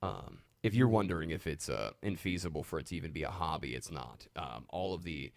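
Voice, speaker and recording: A man hosting a live stream from his music studio, rambling excitedly between stories and talk about his gear. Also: very deep voice, brisk, vocal fry, no room sound.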